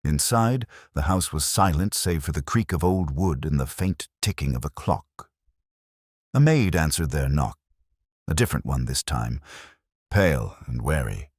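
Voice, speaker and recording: A man narrating a detective mystery story in a calm, measured storytelling manner. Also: very deep voice, no room sound, studio quality. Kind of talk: scripted audiobook narration.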